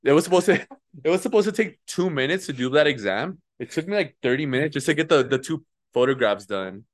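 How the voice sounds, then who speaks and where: A man's voice: a little high, animated, fast talker. A young man bantering casually with friends in a slangy, profane frat-bro way. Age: young adult. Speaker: baseball pitcher.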